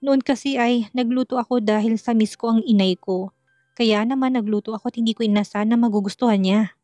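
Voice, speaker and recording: A woman tells a scripted first-person story in an emotional, polite manner. Her voice is fairly high and dry, close to the mic, with faint music playing underneath. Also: steady tone, fairly quick, dark tone, dry recording. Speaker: story narrator.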